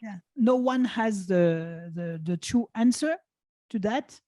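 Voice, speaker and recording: Woman with a warm, mellow tone, event moderator, dry close sound. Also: mid-range voice, slow pace, no echo. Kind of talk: event moderation and answering questions.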